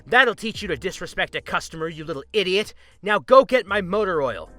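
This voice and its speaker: A man doing a shrill, demanding woman shopper. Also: sing-song, normal speed, sharp tone, soft background music. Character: entitled angry middle-aged female shopper.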